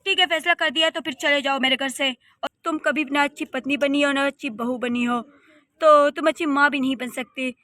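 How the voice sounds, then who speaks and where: A woman's voice: high voice, fairly even intonation, moderate pace, pushed and bright, dry recording. A woman voicing a stern young husband and father in a cartoon story, speaking firmly and in command. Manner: firm, commanding.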